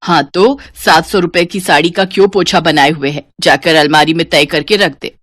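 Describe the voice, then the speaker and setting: A woman voicing a sharp-tongued middle-aged mother who scolds her daughter in a lower voice. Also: steady tone, normal speed, no room sound, studio quality. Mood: scolding. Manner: nagging, scolding.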